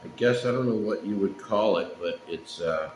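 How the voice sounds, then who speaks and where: A middle-aged man chatting casually and unhurriedly on his own, rambling with pauses and the odd swear word. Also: fairly low pitch, darkish tone. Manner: laid-back, profane, unhurried with frequent pauses. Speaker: pipe-smoking vlogger. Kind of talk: casual rambling solo chat. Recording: echoey room, faint background noise.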